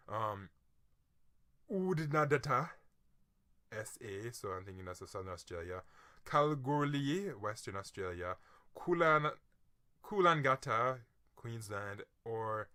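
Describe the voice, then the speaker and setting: A man with a very bright, sharp voice, reading quiz questions and musing over his guesses in a casual, chatty way. He mutters asides and teases himself, and his voice keeps a tense, forceful edge even when he drops low. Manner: chatty, self-mocking guesses, quick mutters and sudden excited outbursts. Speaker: quiz vlogger. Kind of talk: casual thinking aloud while reading a quiz.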